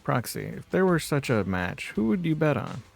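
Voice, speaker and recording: A man's voice: mid-range voice, sing-song, normal speed, creaky. A man doing a casual let's play, reading game dialogue aloud and muttering offhand comments to himself. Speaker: gamer, video host. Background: faint game music.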